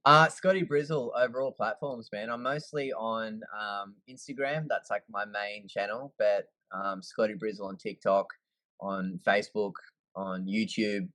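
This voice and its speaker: An Australian man being interviewed, telling stories in a relaxed, easygoing way with plenty of fillers. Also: fairly low pitch, unhurried, dry recording, rough recording. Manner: laid-back, easygoing, lots of fillers. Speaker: guest. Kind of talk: casual storytelling.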